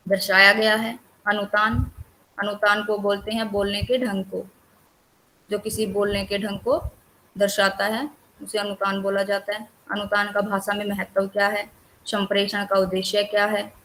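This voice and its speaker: A woman's voice: medium pitch, a bit bright, poor audio. A woman teacher reviews her course chapter by chapter in an online class, reading out topic after topic with little rise or fall in her voice. A faint hiss of background noise sits under her computer mic. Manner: lists topics steadily with few pauses. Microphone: computer mic on a video call.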